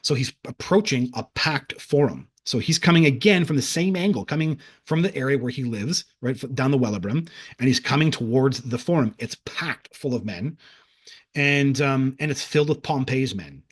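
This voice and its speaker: A man's voice: mid-range voice, expressive, normal speed, slightly rough. A man casually recounting a vision in a rambling monologue, full of restarts and fillers, sometimes acting out crowd voices. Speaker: speaker recounting a past-life vision.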